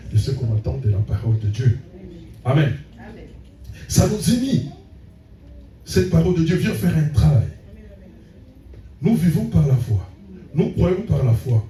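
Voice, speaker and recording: A pastor preaches a sermon in a church hall, punctuating his points with frequent calls of amen. His voice is fairly high with a dark tone, heard from a distance in an echoey room.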